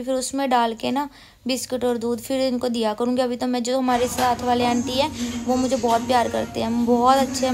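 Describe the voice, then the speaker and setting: A woman in her thirties from India, chatting casually at home about her day as she does chores, rambling and often correcting herself. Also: high voice. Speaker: vlogger. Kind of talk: casual chat while doing chores.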